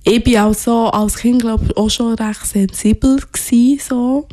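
A woman from Ghana, as an interview guest, soft-spoken and hesitant, searching for her words. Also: fairly high pitch, steady tone, a little slow. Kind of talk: reflective personal interview.

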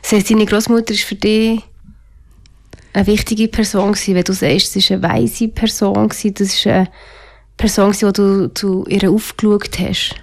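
A woman interviewer, asking calm, probing questions. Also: medium pitch, moderate pace.

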